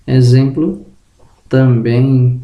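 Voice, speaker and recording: A man giving a spoken grammar lesson, slowly drawing out example words and checking in with the viewer, slightly groggy and tripping over words. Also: mid-range voice, fairly even intonation, roomy sound, dull audio. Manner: tag questions to the viewer. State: just woke up, tongue tripping. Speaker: teacher.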